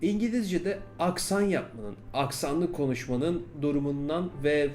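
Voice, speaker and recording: A man's voice: fairly high pitch, lively intonation, a little slow, darkish tone, faint music behind. Man talking casually about learning English. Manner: conversational, repeats and rephrases points. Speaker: English teacher. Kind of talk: casual podcast-style talk.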